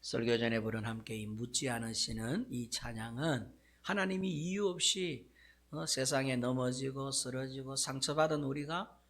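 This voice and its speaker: A male pastor preaching a sermon, telling the story in a lively way with frequent asides to the congregation. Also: medium pitch, moderate pace.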